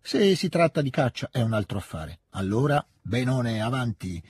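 A man's voice: medium pitch, sing-song, moderate pace, a little mellow, breathy edge, no room sound, studio quality. A man voicing a jovial, eccentric old Russian country uncle in a literary radio reading, folksy and fond of a pet phrase. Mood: good-humored.

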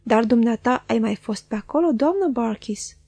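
A woman reading as a polite young gentleman. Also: on the high side, lively intonation, dry recording, exaggerated voice. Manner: polite, deliberately roughened voice. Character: young gentleman hero, polite, voice made gruff.

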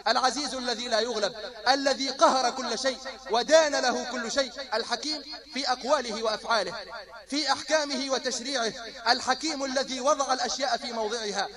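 A male preacher giving an impassioned sermon, driving his points home with repeated rhetorical lines. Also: extremely high pitch.

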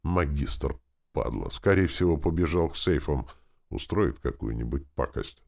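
A man reading an audiobook, voicing a brisk, practical thief leader. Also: extremely low pitch, animated, gravelly, darkish tone, exaggerated voice.

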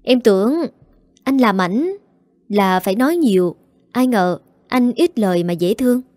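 A woman voicing a gentle, resigned unmarried daughter who speaks softly. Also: medium pitch, lively intonation, unhurried, no room sound, clean studio sound, natural voice. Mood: subdued. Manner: soft, subdued.

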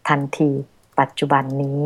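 A middle-aged woman hosting a Buddhist radio talk show, speaking politely and gently. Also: moderate pace, no echo. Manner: polite, gentle, deferential to the monk. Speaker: radio host. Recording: dry studio radio sound.

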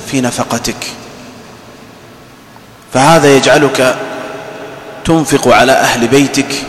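A man preaching a mosque sermon, telling lively everyday stories and acting out the people he quotes. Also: medium pitch, slight background noise. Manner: lively storytelling with mimicked quotes. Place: mosque hall. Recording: roomy reverberant hall, faint ambience.

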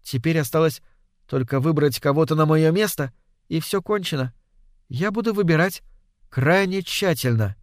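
A man voicing Death as a soft-spoken young lady. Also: a little high, no echo, clean studio sound, lightly acted. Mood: quiet, resolved. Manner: quiet, measured, coaxing.

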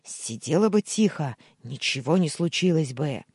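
A woman's voice: sits low, very animated, a little slow, warm tone, dry recording, studio quality, heavily acted. A woman voicing a scheming, hysterical middle-aged uncle who shrieks and splutters in a storybook reading. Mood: furious.

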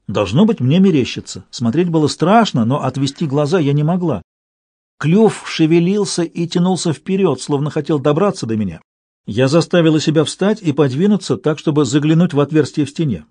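A man reading a story aloud in measured, scripted narration. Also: a little high, warm tone, husky, no room sound. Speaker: audiobook reader.

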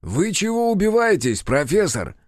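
A man's voice: high voice, very animated, normal speed, no echo, clean studio sound, voice pushed up. A man voicing a wry, easygoing male vampire who banters in a mocking tone.

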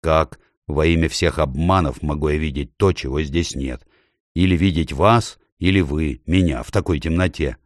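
A man's voice: extremely low pitch, normal speed, no room sound, clean studio sound. A man voicing a rude, suspicious male dwarf who growls and snaps. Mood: grumbling. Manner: growling, snapping.

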